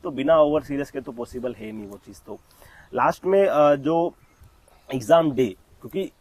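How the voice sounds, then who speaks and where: A man's voice: a little high, lively intonation, moderate pace, darkish tone, no room sound, poor audio. A young man from India hosting a casual interview as an exam mentor, chatty and joking along with his guest. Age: young adult.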